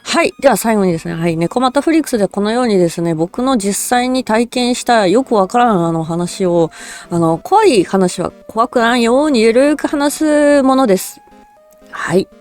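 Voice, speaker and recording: A woman narrates a true story in a relaxed, rambling style, full of fillers and small chuckles. Her voice is lively, rising and falling freely as she goes. Soft music plays faintly behind her. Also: fairly high pitch, normal speed. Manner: rambling, casual, chuckles often, many fillers. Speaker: virtual cat-spirit storyteller.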